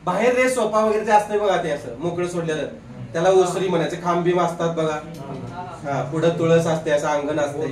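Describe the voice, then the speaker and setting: A man's voice: on the high side, fairly quick, recorded from a distance. A man teaches a grammar class. He keeps firing questions at the students and teasing them. He is recorded from across a roomy, echoing classroom. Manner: lively, quizzes the class and jokes. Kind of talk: classroom lecture. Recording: echoey classroom recorded from afar.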